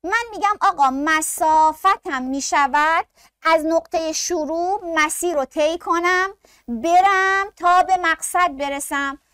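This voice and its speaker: A woman gives a classroom science lecture in a fairly high voice. She asks questions, answers them herself, and calls her students by fond names. The recording is close and dry with no room sound. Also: sharp tone, no echo. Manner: addresses students affectionately. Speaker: science teacher.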